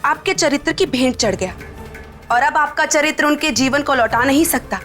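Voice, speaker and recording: A woman's voice: high-pitched, moderate pace, fairly bright tone. A woman playing a scorned, spiteful woman in a TV mythological drama, speaking in a bitter, cold, theatrical way. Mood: cold threat. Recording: music playing behind the voice.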